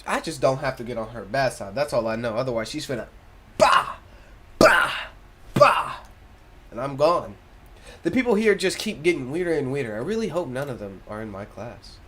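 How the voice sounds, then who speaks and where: A man's voice: mid-range voice, expressive, fast, slight background noise. A young man doing let's-play commentary, reading game text aloud and cracking profane, slangy jokes. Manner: joking and profane, with slangy asides. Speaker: gaming YouTuber.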